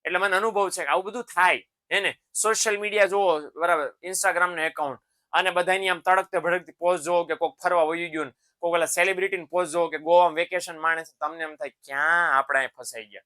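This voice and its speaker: A man's voice: high-pitched, steady tone, quick pace, pushed and bright. A man giving a motivational lesson to students. He talks in a fatherly way, calls them his sons and keeps checking in with tag questions. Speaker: teacher.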